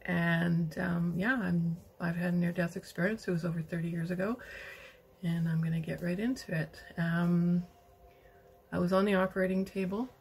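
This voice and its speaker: A middle-aged woman from western Canada telling her personal story in a slow, halting, emotional way, with many pauses and restarts. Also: lowish voice, fairly even intonation, darkish tone, husky. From British Columbia, Canada. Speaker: interviewee. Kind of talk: personal testimony.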